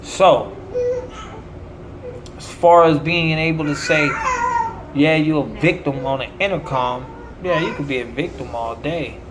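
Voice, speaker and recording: An American man with a somewhat high voice, a self-promoting musician, rambles through a monologue at a measured pace with frequent pauses. He chops his thoughts into short, declamatory phrases like a street preacher. A clear, steady hum of room noise runs underneath.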